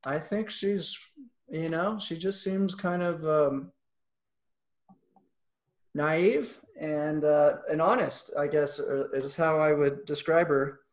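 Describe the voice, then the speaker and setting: A man's voice: fairly high pitch, fairly even intonation, takes it slowly. A man hosting a casual trading webinar, talking hesitantly with frequent fillers and restarts. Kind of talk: casual conversational chat.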